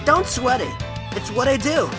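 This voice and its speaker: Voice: high voice, expressive, moderate pace, music in the background. An actor voicing a cocky, easygoing young male hedgehog hero in a breezy, casual way for a comic dub. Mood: friendly. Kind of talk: animated comic dub acting.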